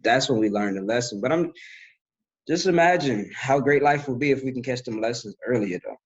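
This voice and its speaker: A man's voice: mid-range voice, animated, brisk, breathy edge, muffled recording. A man talking in a loose, reflective way on a podcast, full of fillers. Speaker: podcast host. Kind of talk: casual conversation.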